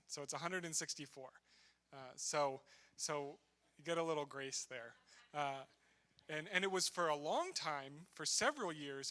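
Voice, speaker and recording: A man's voice: a little high, bright, forceful tone. A man speaking as a missionary at a church, telling his story in a conversational, self-deprecating way. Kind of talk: church talk with testimony. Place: church sanctuary.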